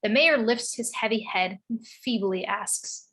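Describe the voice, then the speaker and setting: A woman's voice: mid-range voice, measured pace, fairly bright tone, husky. A woman narrating the stage directions of a script in a read-through.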